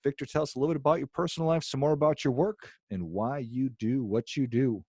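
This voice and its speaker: A man hosts a podcast and reads an upbeat introduction of his guest. His voice sits at a middle pitch and sounds dry and close to the mic. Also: fast talker, darkish tone, slightly rough, no echo. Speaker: podcast host. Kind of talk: podcast interview.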